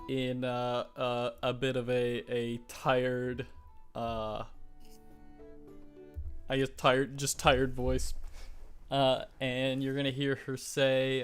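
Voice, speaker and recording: Slow, halting man narrating a game. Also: mid-range voice, smooth. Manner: slow and halting, with many ums.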